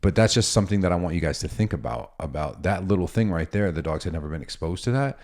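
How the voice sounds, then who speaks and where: A man who works as a dog trainer, talking casually and explaining with examples and asides in a relaxed, instructional way. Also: low-pitched, fast.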